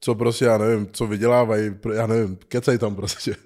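A man's voice: lowish voice, level tone, darkish tone. A man co-hosting a casual podcast chat, asking questions and making blunt, chatty remarks.

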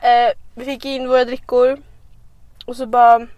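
Young female co-host, high voice, chatty and animated, keeps acting out what people said. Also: dull audio. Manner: animated storytelling, acting out quotes. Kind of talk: casual chat.

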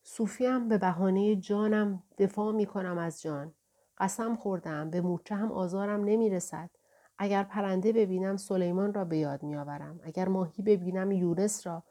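A woman narrating a novel aloud in a steady, measured way, in the first person. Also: medium pitch. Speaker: audiobook narrator.

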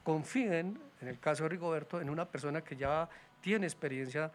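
A man's voice: on the high side, quick pace, slight background noise. A man in casual political talk, critical and hesitant, with many restarts and fillers. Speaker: political guest.

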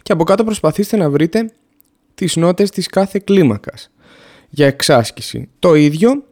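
Man, podcast music lesson, mellow dark voice, plain down-to-earth explaining. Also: a little high, lively intonation. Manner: plain, down-to-earth explaining, counting off notes and steps. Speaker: music theory teacher.

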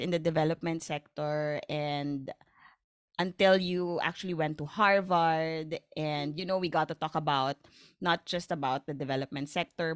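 A woman's voice: low voice, clear, resonant tone, no echo, studio quality. A woman with a Filipino accent hosting an interview, chatty and playful, easily switching between languages. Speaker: host. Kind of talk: conversational interview.

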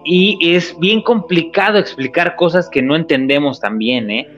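A man with a Mexican accent, a radio host telling an anecdote in casual, animated chat. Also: on the high side, moderate pace, soft background music. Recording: slightly muffled radio recording.

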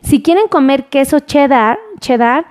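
A woman talks to her viewers on a live stream, running down a list of portions and pausing to greet commenters by name. Her voice sits high, and she keeps coming back to ask people to share. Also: animated, a little mellow. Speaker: nutrition livestream host.

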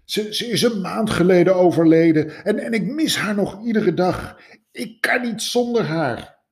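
A man's voice: mid-range voice, expressive, a little mellow, pitched above the performer's own voice. A man voicing a grieving, drunk middle-aged widower who sobs and stumbles over his words. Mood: sobbing. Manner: sobbing, halting, stumbling over repeated words.

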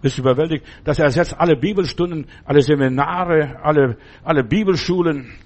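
A man's voice: on the high side, brisk, a little mellow. Man preaching in a loose chatty way. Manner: conversational, repetitive, many restarts and asides. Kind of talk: informal sermon.

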